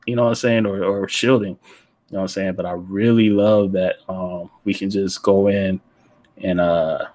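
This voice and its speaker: A man's voice: low voice, steady tone, normal speed, darkish tone. A man co-hosting a gaming podcast in a laid-back way, often adding "you know what I'm saying.". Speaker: podcast co-host. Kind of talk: casual gaming podcast chat.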